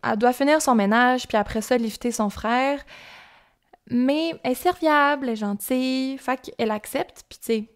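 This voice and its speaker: A woman's voice: sits high, moderate pace. A young woman with a Québécois accent casually telling a true-crime story on a podcast, chatty and informal with asides. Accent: Québécois French.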